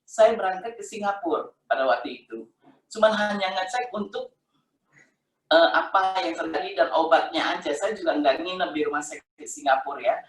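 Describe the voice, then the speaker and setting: A woman's voice: fairly low pitch, normal speed. Brief: middle-aged woman, heartfelt repetitive testimony, roomy sound, mic set far off. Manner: emotional, repetitive, conversational storytelling. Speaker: testimony giver. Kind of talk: personal faith testimony.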